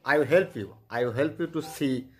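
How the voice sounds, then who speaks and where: A man, practicing English in a halting, flattering way on a video call. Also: mid-range voice. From Bangladesh. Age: 20s. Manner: halting, repeats okay, flattering. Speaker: channel host practicing English. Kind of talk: casual chat.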